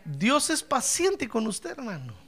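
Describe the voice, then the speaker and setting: Male pastor, jokey sermon delivery, gravelly and very animated. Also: very high voice, unhurried, faint music behind. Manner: humorous, acts out dialogues, addresses listener as brother.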